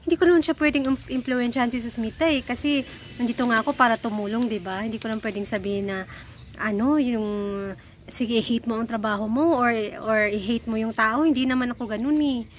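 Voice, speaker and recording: A woman's voice: fairly high pitch, a little fast, slight background noise. Chatty woman vlogger, laughing asides. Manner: chatty storytelling, frequent laughs, addresses viewers as guys. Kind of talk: casual chat to viewers. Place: home in Nepal.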